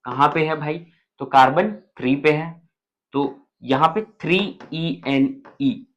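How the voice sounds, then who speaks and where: A man's voice: on the high side, slow pace, fairly bright tone. A man teaching a chemistry lesson, explaining step by step and checking in often with the students in a colloquial, matter-of-fact way. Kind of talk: classroom lecture.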